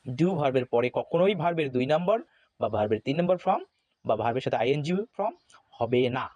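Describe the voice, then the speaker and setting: A man with a Bangladeshi Bengali accent teaching an English grammar lesson, slow and deliberate, spelling words out letter by letter. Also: mid-range voice, expressive, darkish tone, dry recording.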